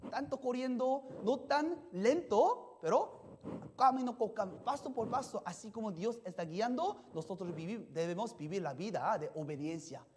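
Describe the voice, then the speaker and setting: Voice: medium pitch, expressive, darkish tone, a little hiss or hum. Pastor preaching with constant check-in questions. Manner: keeps asking the congregation questions and checking in with "yes?"; simple, halting phrasing with restarts. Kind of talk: sermon.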